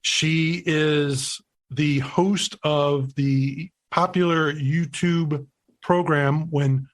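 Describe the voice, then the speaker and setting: A man hosting a podcast, introducing his guest and asking questions in a slow, deliberate way. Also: fairly high pitch, fairly even intonation. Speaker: podcast host. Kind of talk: podcast interview.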